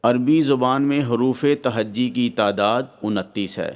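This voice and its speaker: A man with a Pakistani Urdu accent narrating a scripted lesson on Quran reading, drawing out each Arabic letter slowly and evenly. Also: mid-range voice. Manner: slow drawn-out recitation of Arabic letters.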